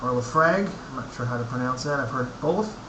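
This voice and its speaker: A man giving a casual, unscripted review, speaking haltingly and thoughtfully in short phrases with pauses between them. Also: medium pitch. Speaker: pipe tobacco reviewer. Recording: echoey room, clear background noise.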